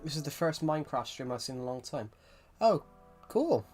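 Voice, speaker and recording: A young English streamer from the Southwest talks at normal speed in a slightly high, slightly mellow voice that is very animated. His casual game-stream chat rambles and restarts frequently, and he reads messages from viewers aloud. Faint background music and typing are audible.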